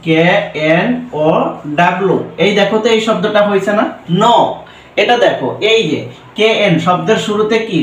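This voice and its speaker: A man's voice: high-pitched, a bit bright. A man teaching a pronunciation lesson, often asking a question and then answering it himself, with English phrases mixed into his explanation. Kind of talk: classroom-style pronunciation lesson. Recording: roomy echo, voice from a distance.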